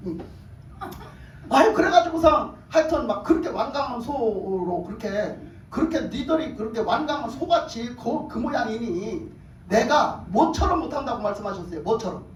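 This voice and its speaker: Guy from korea preaching, really high voice, chatty and fired up, sounds far off the mic. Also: normal speed. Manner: lively, colloquial storytelling that flares into excitement. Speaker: pastor. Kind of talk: sermon with personal storytelling. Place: church sanctuary. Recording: roomy church hall, far from the mic, faint background noise.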